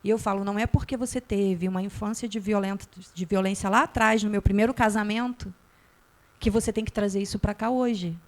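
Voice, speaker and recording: A middle-aged Brazilian woman with a Brazilian Portuguese accent giving a talk, animated and questioning the audience directly. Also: medium pitch, brisk. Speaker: guest speaker.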